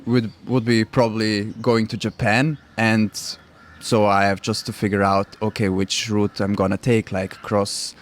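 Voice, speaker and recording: A young guest cyclist from Switzerland, with Croatian family roots, speaks in a fairly low voice at a normal pace during a radio interview. English isn't his first language, and he uses simple phrasing, staying relaxed and laughing often.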